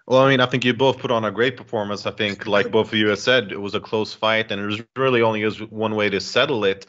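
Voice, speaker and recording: Forceful low-voiced male interviewer. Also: steady tone, fast. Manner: fluent, articulate. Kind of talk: conversational sports interview questioning. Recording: dull, band-limited audio.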